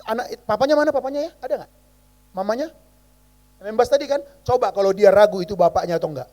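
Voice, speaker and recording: A middle-aged pastor telling stories in a sermon and acting out both sides of a dialogue. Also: male voice, high voice, quick pace, a little mellow, big-room sound. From Indonesia.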